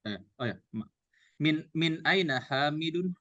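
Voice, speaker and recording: A man's voice: a little high, expressive, unhurried, sharp tone, dry recording, highs cut off. A man, a student in an Arabic class, answering hesitantly and correcting himself.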